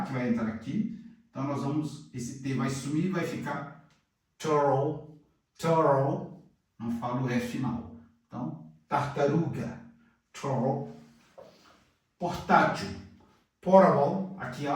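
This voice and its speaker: A man's voice: fairly high pitch, a little mellow, recorded from a distance. A Brazilian man teaching English pronunciation, saying each word twice and then translating it. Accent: Brazilian Portuguese. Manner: slow, drills words twice then translates. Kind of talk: pronunciation lesson. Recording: echoey room, voice away from the mic.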